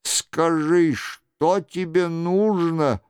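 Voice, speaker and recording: A man voicing a scheming aging queen mother, slow and pleading in a coaxing way. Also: on the high side, fairly even intonation, darkish tone, clean tone, no room sound, studio quality, voice pushed up.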